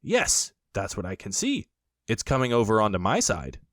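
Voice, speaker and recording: A man voicing a small, timid piglet with a squeaky nervous voice. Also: huge pitch swings, normal speed, fairly bright tone, dry recording, clean studio sound.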